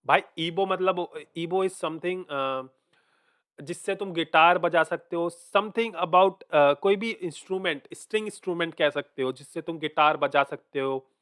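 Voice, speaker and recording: A man hosting a casual music reaction, thinking out loud, switching between Hindi and English and repeating lines back to himself. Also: on the high side, measured pace, clean tone.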